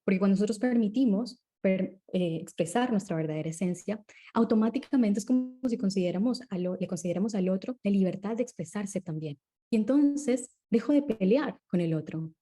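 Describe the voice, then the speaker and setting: A woman speaking as an interview guest, explaining ideas in a calm, unhurried way and often checking in with short tag questions. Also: medium pitch.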